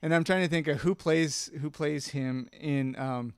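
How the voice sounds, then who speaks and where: A man's voice: a little high, a little slow, clean tone, no echo, studio quality. A man chatting casually on a podcast, rambling and searching for words, often breaking into laughs. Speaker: podcast co-host. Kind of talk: casual chat.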